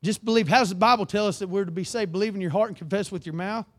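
High-voiced preacher man. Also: rapid-fire. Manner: reads scripture aloud then preaches, calls for amens; swings from loud emphatic lines to low earnest ones. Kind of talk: sermon.

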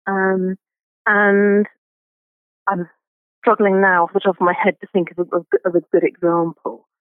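Male guest with a high voice, halting and chatty, over a tinny phone line. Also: monotone, smooth, dry recording, soft background music. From Britain. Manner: halting, many restarts and fillers. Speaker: garden writer, guest. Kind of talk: conversational interview.

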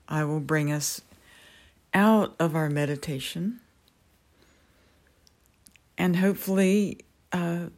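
A woman leading a guided meditation in a gentle, calming way, unhurried, with pauses between short phrases. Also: lowish voice.

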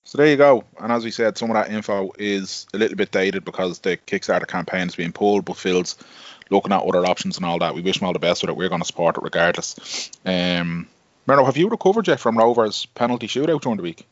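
A man's voice: sits low, quick pace, no echo, muffled recording. An Irish man co-hosting a podcast in casual, bantering, sweary chat. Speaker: podcast co-host.

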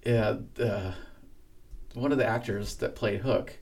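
A man's voice: lowish voice, steady tone, slow, a little mellow. A man as a guest in a casual chat, rambling through stories with many fillers and laughs.

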